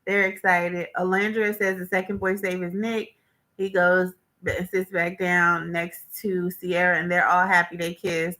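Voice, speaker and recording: A woman casually recapping a reality show episode, telling it in an animated, chatty way with fillers and acted-out quotes. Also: mid-range voice, poor audio.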